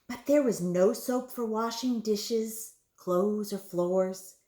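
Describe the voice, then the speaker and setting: A woman's voice: mid-range voice, slow, dark tone. A woman, a preschool teacher, reading a picture book aloud to children and asking them questions. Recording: roomy room echo.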